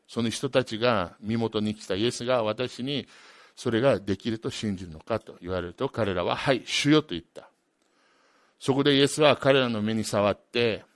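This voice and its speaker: A man preaching a sermon as a pastor, switching between two languages and swinging from loud emphatic peaks to quiet asides. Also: fairly low pitch, no room sound, studio quality. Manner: alternates each point between two languages. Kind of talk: bilingual sermon.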